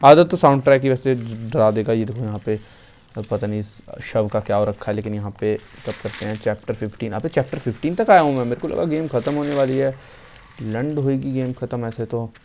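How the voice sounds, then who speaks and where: Swearing gamer mutters and yelps. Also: male voice, medium pitch, fairly quick, slight background noise. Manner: profane, jokey, mutters quietly then shouts when startled. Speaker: gaming YouTuber playing a horror game. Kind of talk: casual let's-play commentary.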